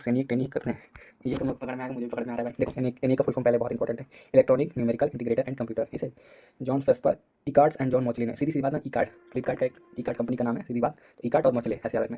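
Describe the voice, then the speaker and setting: A young man giving a casual exam-prep lesson, talking in a quick, repetitive way and often clearing his throat. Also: mid-range voice, dark tone. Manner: rapid, repetitive, casual, addresses students as "bhai". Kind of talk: fast late-night revision lecture.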